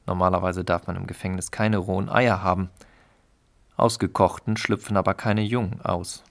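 A man's voice: low-pitched, steady tone, normal speed. A man narrating a story in a dry, wry reading style. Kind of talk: audiobook reading.

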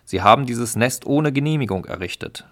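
A man's voice: medium pitch, expressive, fairly quick, fairly bright tone, lightly acted. A man voicing a pompous sparrow official who speaks in a commanding, bureaucratic tone. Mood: officious. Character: pompous official bird, state sparrow boss.

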